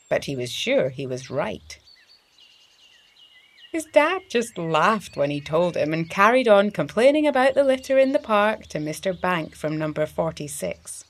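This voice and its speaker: As host of a story series, a woman with a lowish voice reads a tale for young children, expressive and deliberate in her storytelling.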